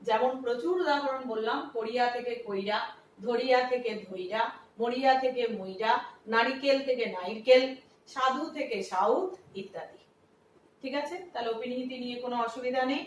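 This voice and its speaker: A woman's voice: a little high, normal speed. A woman teacher explaining a lesson step by step, asking questions and answering them herself. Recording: echoey room, from a distance, faint noise.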